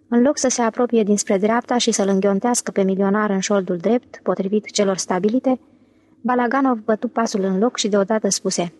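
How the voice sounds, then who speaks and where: A woman narrating an audiobook in a steady, even reading. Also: medium pitch, dry recording. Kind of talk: scripted narration.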